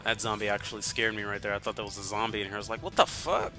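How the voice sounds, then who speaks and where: A man's voice: lowish voice, completely flat delivery, racing. Rambling man with game music behind. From Texas. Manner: rambling and profane, with many fillers. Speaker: let's play host. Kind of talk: casual gameplay commentary.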